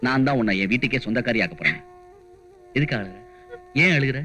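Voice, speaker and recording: An actor playing a shy, affectionate younger brother who is in love, in an old film. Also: male voice, mid-range voice, fast talker, sharp tone, soft background music, natural voice. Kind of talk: 1990 film dialogue.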